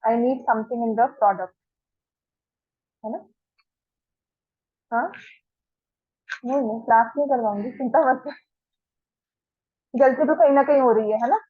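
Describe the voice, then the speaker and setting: A woman's voice: a little high, husky, no room sound, phone-quality sound. A woman with an Indian accent teaching a maths class in a classroom, working through steps aloud in a mix of Hindi and English. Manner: dictates steps slowly, mixes Hindi and English.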